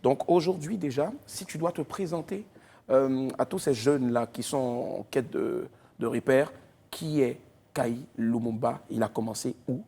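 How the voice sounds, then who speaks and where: A West African man hosts a TV talk show, introducing and interviewing a guest. His medium-pitched voice moves at a measured pace, yet his delivery is lively and emphatic, punctuated by bursts of cheering.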